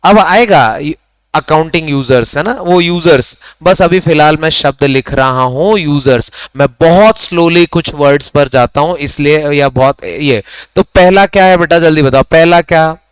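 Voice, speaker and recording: A man teaching an accounts class, quizzing his students and mixing Hindi with English terms, and dictating definitions slowly word by word. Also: on the high side, clean tone, dry recording. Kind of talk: classroom lecture.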